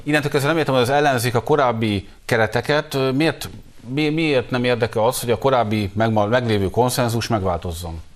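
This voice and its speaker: A man debating as a journalist guest on a political talk show, arguing at length with frequent fillers. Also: mid-range voice. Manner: argumentative, hesitant with fillers.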